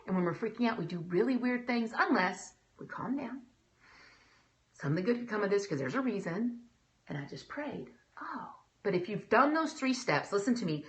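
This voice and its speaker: A middle-aged woman gives an encouraging faith talk in a chatty, animated way. She addresses her viewers directly and sounds natural and relaxed. Her voice sits at an ordinary pitch for a woman. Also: lo-fi sound. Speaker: host.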